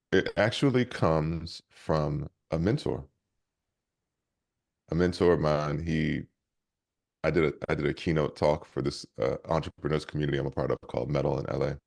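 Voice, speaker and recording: Very deep gravelly male guest. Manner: energetic, rambling, many restarts. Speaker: guest, leadership coach and speaker. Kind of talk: conversational interview storytelling.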